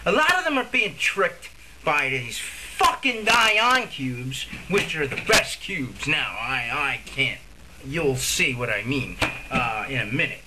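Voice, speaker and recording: A man's voice: mid-range voice, sing-song, slow pace, background noise. A man giving a casual, rambling video review of puzzle cubes, swearing freely and getting easily worked up. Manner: rambling, profane, easily agitated, full of fillers and restarts.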